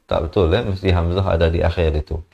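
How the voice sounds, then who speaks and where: A man with a Malaysian Malay accent teaching Quran recitation rules. He chants short phrases, then drops into quiet spoken explanation and patiently corrects mistakes syllable by syllable. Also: low-pitched, little pitch movement, fast, creaky, highs cut off.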